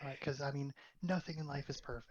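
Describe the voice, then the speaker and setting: A man's voice: mid-range voice, steady tone, fast talker, a little mellow. A man speaking as a guest in a casual book discussion, thoughtful and full of fillers, often checking for agreement. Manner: thoughtful, filler-heavy, asks for agreement with "right". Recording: dull lo-fi mic with faint noise.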